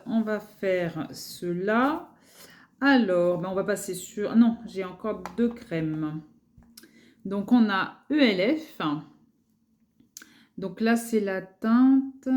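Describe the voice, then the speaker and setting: A woman's voice: lowish voice, a little mellow. A woman beauty vlogger chatting casually through her makeup collection, hesitant, with many fillers and repeated words.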